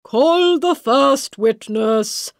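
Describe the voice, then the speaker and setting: A woman voicing a stern male king giving commands in court, slow and emphatic. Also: sits high, animated, dry recording, clean studio sound, pitched above the performer's own voice, exaggerated voice. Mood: commanding.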